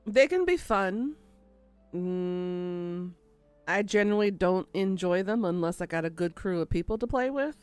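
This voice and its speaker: A woman's voice: lowish voice, animated, unhurried, clear, resonant tone, soft background music. A woman streaming a game, chatting casually and self-deprecatingly with her viewers. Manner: laid-back, self-deprecating, talking with chat. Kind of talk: casual gameplay chat.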